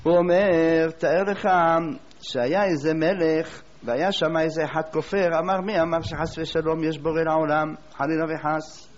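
A man preaching a sermon, telling a story as a lively storyteller who asks rhetorical questions. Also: fairly high pitch. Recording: dull lo-fi recording.

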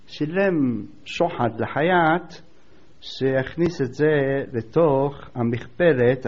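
A man telling a religious folk tale aloud, with lively repetition and quick quoted asides for the characters. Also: mid-range voice. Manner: animated, voices the characters in quick asides, repeats words for rhythm. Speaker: storyteller. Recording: dull lo-fi recording.

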